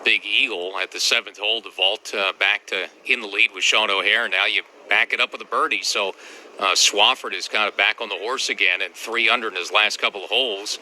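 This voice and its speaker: A man's voice: lowish voice, steady tone, a little fast, sharp tone. A man anchoring live golf commentary, handing over between holes and summing up the play.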